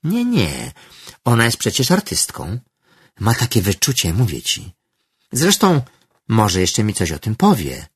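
A man's voice: lowish voice, wildly swooping pitch, a little slow, husky, no echo, full character voice. Man doing a sly, sweet-talking teenage girl. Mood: wheedling. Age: about 13. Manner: condescending, then sweetly wheedling.

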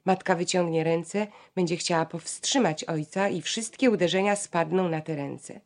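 Woman narrator, low-ish voice, measured expressive audiobook reading.

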